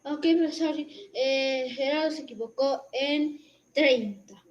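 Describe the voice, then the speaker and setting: A teenage girl, an eager student speaking up in an online class. Her voice is high and comes through a dull, lo-fi call line. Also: slow. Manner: eager, reports to the teacher.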